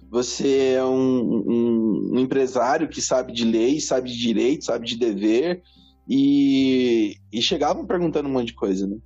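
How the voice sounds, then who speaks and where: A man's voice: fairly high pitch, darkish tone, slightly rough, muffled recording. A man and former pharmacy owner, talking reflectively in a casual podcast chat, hesitant with fillers.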